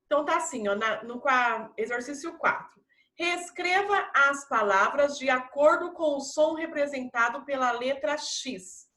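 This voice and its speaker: A woman teaching a primary school lesson in a Brazilian Portuguese accent, patiently drawing out each example word slowly. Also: high-pitched, sharp tone, echoey room. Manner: slow, drawn-out pronunciation of example words; patient and encouraging. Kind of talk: recorded classroom lesson.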